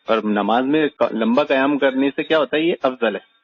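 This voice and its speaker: A man's voice: medium pitch, no room sound, highs cut off. A man teaching a religious point in a debate-style chat, arguing with pointed rhetorical questions. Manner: argumentative, rhetorical questions, emphatic.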